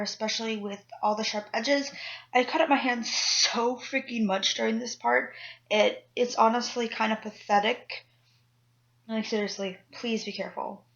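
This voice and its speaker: A woman's voice: on the high side, lo-fi sound. A woman cosplay vlogger talking through a costume build in a chatty, rambling way, mocking herself and swearing casually. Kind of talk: casual chat and voiceover tutorial.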